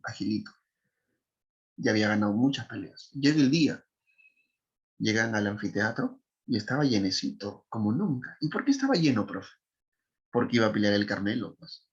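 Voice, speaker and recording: A male literature teacher, retelling a story to his class in an animated way, acting out voices and asking students questions. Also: lowish voice, dull audio.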